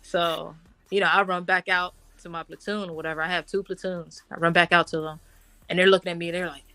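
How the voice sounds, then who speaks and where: A woman's voice: lowish voice, little pitch movement, brisk, sharp tone, smooth, no room sound. A woman, a military officer being interviewed, telling war stories in an informal, slangy way and acting out the dialogue. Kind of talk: animated personal war story told conversationally.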